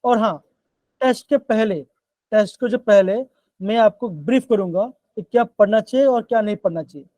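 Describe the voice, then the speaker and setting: A man's voice: high voice, moderate pace, warm tone, no echo, low-quality recording. A man teaching a live online chemistry class, coaxing students with repeated check-ins. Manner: coaxing, repeats "bachchon" and "theek hai". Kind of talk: live online class in Hindi-English mix.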